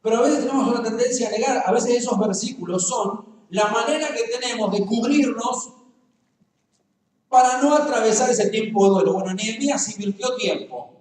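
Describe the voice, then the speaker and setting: A man with a Rioplatense Argentine accent preaches, his voice pitched high for a man. He is picked up from some distance in a very echoey church. He jokes and talks straight to the congregation. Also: normal speed, a little mellow. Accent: Rioplatense Spanish. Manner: humorous, conversational, addresses the congregation directly. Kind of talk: sermon. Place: church hall.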